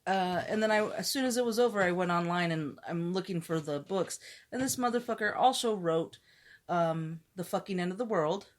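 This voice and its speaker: A woman's voice: on the low side, moderate pace. A woman podcast co-host chatting casually in a candid, joking way, with some swearing. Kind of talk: casual chat.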